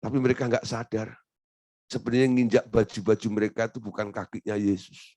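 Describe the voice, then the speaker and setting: A male pastor preaching a sermon, quizzing the congregation with rhetorical questions and jumping into high emphatic bursts. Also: fairly even intonation, a little fast, warm tone, dry recording.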